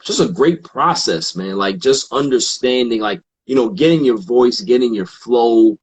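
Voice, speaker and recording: A man guesting on a podcast, telling stories in a relaxed, casual way and acting out what others said. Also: mid-range voice, unhurried, breathy edge. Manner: relaxed, quotes others in animated asides, frequent fillers. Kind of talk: casual storytelling in conversation.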